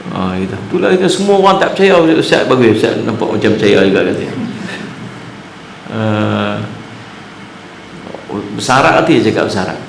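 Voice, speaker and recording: A man's voice: on the low side, gravelly. A man gives a religious lecture to a live audience. He mixes humorous storytelling with recited Arabic verses. The sound carries in an echoey room. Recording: echoey room, faint ambient noise.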